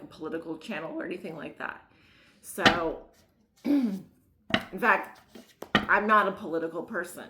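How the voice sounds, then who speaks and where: A woman's voice: lowish voice, sharp tone, roomy sound. A woman with a Mid-Atlantic Maryland accent doing a casual tarot reading, rambling with lots of fillers and laughing at herself. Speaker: tarot reader.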